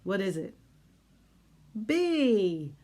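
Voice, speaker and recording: Slow-paced woman teaching letter sounds to children. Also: medium pitch, sing-song, warm tone. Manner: encouraging, question-and-answer talk with pauses. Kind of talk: phonics lesson addressed to young children.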